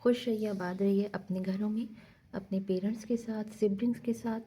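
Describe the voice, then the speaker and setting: Woman teacher, mellow voice. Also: mid-range voice, fairly even intonation, normal speed, a little hiss or hum. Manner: explains step by step, repeating key points. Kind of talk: casual lesson walkthrough.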